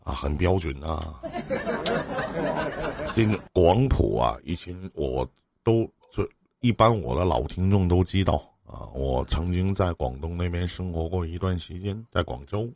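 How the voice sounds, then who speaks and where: A man in his forties with a low, very lively voice hosts a casual live advice chat. He talks in a joking, teasing manner. The sound is dry and close. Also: unhurried, no echo. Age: 40s. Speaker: live-stream advice host.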